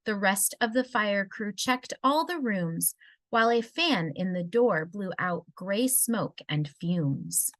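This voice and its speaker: Female storybook reader, unhurried delivery, close dry sound, rhyming read-aloud for children. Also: medium pitch, expressive, fairly bright tone, dry recording.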